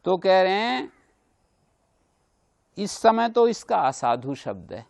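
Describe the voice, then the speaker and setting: Male grammar teacher, patient lecturing manner; high-pitched, gravelly. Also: sing-song, slow, a little mellow. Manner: explains patiently, repeats examples. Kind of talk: classroom lecture.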